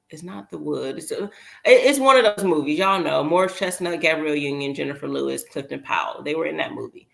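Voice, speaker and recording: Woman commentator with a gravelly, low-pitched voice, talking off the cuff and emphatically. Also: fairly bright tone. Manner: emphatic, rambling, with pauses to remember. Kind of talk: casual opinion commentary.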